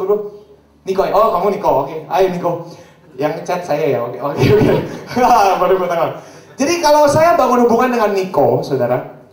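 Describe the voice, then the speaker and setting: A male pastor preaching a sermon in a conversational way, often asking his congregation questions. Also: high-pitched. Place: church hall. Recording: echoey hall, mic at a distance.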